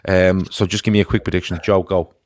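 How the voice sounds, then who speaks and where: A man's voice: deep voice, flat delivery, fast talker, dry recording, clean studio sound. A man with a Dublin accent hosting a casual football panel chat, talking in a rambling, conversational way. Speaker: football show host.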